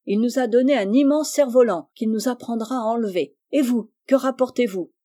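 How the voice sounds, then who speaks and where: A woman voicing a cheerful teenage boy cousin in a storybook, friendly and brisk. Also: on the high side, mellow, dry recording, clean studio sound, lightly acted.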